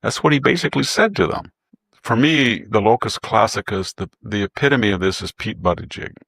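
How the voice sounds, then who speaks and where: A lower-pitched man with a gravelly, fry-laden voice, talking politics with biting sarcasm. He sounds scornful and mocking, the recording close and dry with no room sound. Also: animated, brisk, a bit bright, no echo. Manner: scornful, mocking, mimics opponents. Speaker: political commentator. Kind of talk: sarcastic commentary in conversation.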